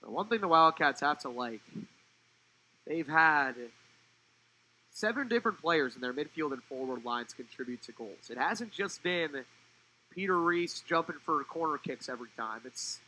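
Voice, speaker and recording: A young man giving live play-by-play commentary on a college soccer match, fluent and rising in pitch when the play turns attacking. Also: expressive, moderate pace, pushed and bright, rough recording.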